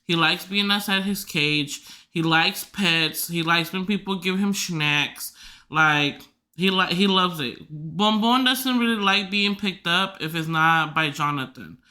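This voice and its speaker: A young woman hosts a podcast in a relaxed, chatty way, rambling with lots of fillers and little giggles along the way. Her voice is on the low side, unhurried, with a sharp tone.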